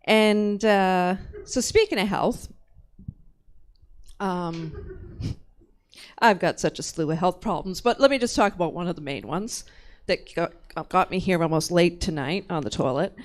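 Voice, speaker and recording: A woman doing casual stand-up into a stage microphone, conversational and halting, with a self-deprecating manner. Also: fairly low pitch. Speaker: stand-up comedian.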